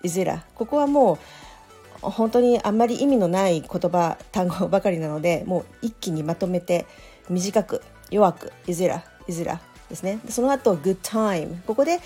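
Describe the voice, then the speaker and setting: A woman teaching English pronunciation in a casual spoken lesson, explaining step by step and saying example phrases slowly. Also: lowish voice, expressive, dark tone. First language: Japanese. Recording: faint background music.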